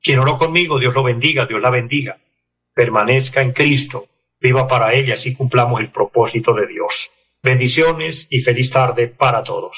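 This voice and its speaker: A man delivers an exhorting radio sermon, pausing between short phrases. His voice sits at an ordinary middle pitch. He sounds set back from the microphone. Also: a bit bright. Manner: earnest, exhorting, measured phrases with pauses. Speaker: preacher. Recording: distant from the mic.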